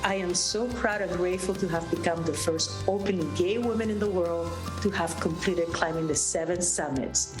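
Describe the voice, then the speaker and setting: A woman from Peru, a guest author and mountaineer, speaking earnestly in a talk show interview and pausing to find her words. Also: on the low side, over music.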